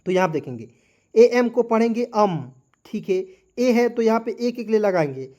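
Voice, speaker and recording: A man's voice: sits high, lively intonation, normal speed, dark tone, muffled recording. A man teaching a beginners' lesson, spelling words out letter by letter and often checking that listeners follow. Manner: repeats checks like "clear?" and "okay ji". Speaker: English teacher.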